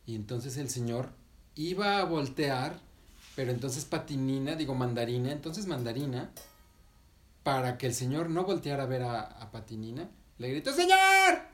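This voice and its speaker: A man's voice: medium pitch, moderate pace. A man telling a children's story, playful and chatty, correcting himself and asking the listener questions.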